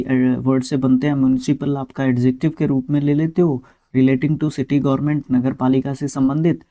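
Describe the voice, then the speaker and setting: A middle-aged man with an Indian English accent teaching vocabulary in Hindi, repeating each word and checking in with "theek hai.". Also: mid-range voice. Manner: steady explaining tone, repeats each word several times with frequent "theek hai". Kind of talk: online vocabulary lesson.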